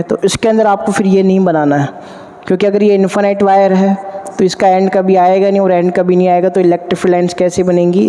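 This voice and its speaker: High-voiced male teacher, echoey hall. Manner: drills students with repeated questions and answers; addresses students warmly as 'beta'. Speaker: physics teacher. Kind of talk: classroom lecture at a board. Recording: long hall reverb.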